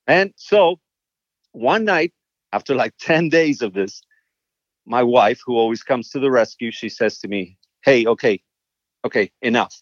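A man with a mid-range voice tells a songwriter's stories in a relaxed interview, animated and prone to repeating words when excited. The sound is dry and a little dull, with no room around it. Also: mid-range voice, unhurried, no echo. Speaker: songwriter and guest. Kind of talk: casual interview storytelling.

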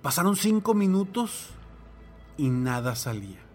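A man's voice: high-pitched, big pitch swings, unhurried, a little mellow, soft background music. A man giving a reflective motivational talk, telling a personal anecdote and a parable and asking the listener rhetorical questions. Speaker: motivational speaker.

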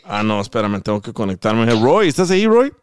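A man's voice: fairly low pitch, brisk. A man hosting a casual chat, telling funny stories and laughing often. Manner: laughs often, animated storyteller. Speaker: show host.

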